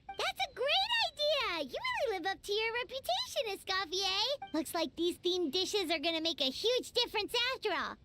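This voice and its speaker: A woman voicing a tiny, excitable female companion creature in game dialogue. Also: moderate pace, noisy background. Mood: excited. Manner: squeaky and excitable.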